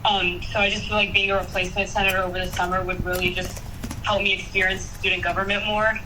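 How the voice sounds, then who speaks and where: Young woman, student applicant, heard through a speakerphone, set back from the mic with clear hiss behind her; casual, eager delivery. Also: medium pitch, flat delivery, quick pace. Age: young adult. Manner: casual, eager, many fillers like "like" and "um". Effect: heard over a speakerphone call. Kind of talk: phone interview answers. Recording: distant speakerphone with clear background noise.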